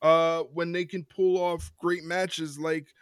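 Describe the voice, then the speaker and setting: A man co-hosting a casual wrestling podcast, ranting with lots of repeated words and quick laughs. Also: fairly high pitch, level tone, clear, resonant tone, dry recording, studio quality. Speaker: podcast co-host.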